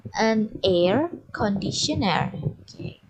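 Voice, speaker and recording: An English teacher with an Indonesian accent giving a patient lesson to young teens, repeating each word slowly for the class to echo. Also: female voice, medium pitch, expressive, background noise.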